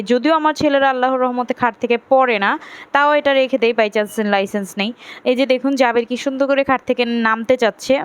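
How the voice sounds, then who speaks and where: A young woman from Bangladesh narrates her day as a mother in a relaxed, chatty vlog voice-over. Her voice sits a little high and sounds smooth and clear. She explains things step by step and pauses on small fillers. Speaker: vlogger, mother of young children.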